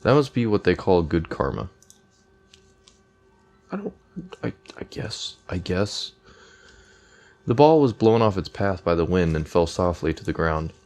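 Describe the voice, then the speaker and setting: Man, very low voice, let's play commentary, reading dialogue aloud, casual asides. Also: animated, unhurried, long pauses, a little mellow. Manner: reads game dialogue aloud between casual remarks. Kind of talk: game playthrough commentary, reading text aloud.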